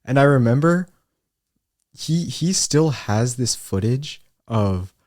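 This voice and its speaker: A man's voice: medium pitch, animated, slow, darkish tone, no room sound, clean studio sound. A young man hosting a podcast, laid-back and slangy, who laughs often. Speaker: podcast host. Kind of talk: casual podcast chat.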